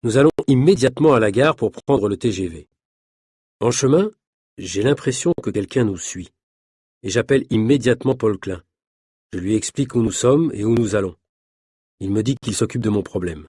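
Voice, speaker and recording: Husky male audiobook narrator. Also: fairly low pitch, animated, moderate pace, a little mellow, no echo, studio quality. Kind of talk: scripted narration of a French learner story.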